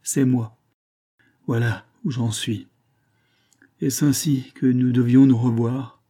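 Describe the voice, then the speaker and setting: A man's voice: mid-range voice, fairly even intonation, slow pace, warm tone. A man voicing a sick, self-pitying middle-aged glassmaker who moans and pleads in a plaintive, feverish voice. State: feverish and in pain.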